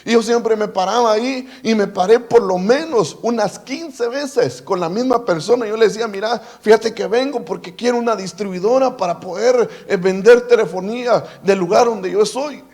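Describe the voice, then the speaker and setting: Male preacher, high voice, halting sermon storytelling. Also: darkish tone. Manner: storytelling with many repetitions and restarts. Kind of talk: sermon testimony.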